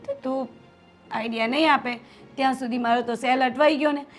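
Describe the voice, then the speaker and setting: An actress playing a hardworking, resentful daughter-in-law who complains constantly, with a Gujarati accent. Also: female voice, sits high, fairly even intonation, fairly quick, faint music behind, close to an everyday voice. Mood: impatient. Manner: complaining, aggrieved.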